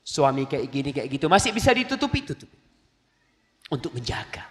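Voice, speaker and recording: A man's voice: mid-range voice, a little fast, long reverb tail. A man preaching a sermon, telling stories animatedly and acting out the voices of the people in them, mixed in. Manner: animated storytelling, acts out quoted voices. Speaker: Islamic preacher.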